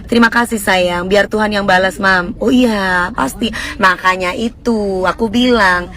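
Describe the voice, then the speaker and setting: A woman in her thirties from East Java, Indonesia, with an East Javanese accent, hosts a livestream and answers viewers casually but emphatically. Her voice is mid-range, steady, and fairly bright, and her delivery is fiery and fast, which she herself calls fervent.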